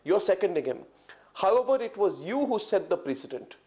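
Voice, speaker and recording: A man's voice: high-pitched, sing-song, a little fast. A man anchoring a combative TV interview, pressing and interrupting his guest. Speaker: news anchor. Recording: dull TV broadcast audio.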